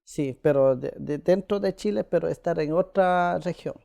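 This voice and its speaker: Soft-toned man. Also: fairly high pitch, creaky, muffled recording. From Ecuador. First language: Quichua. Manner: halting, with many pauses and "eh" fillers. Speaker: interviewee. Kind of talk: casual conversation.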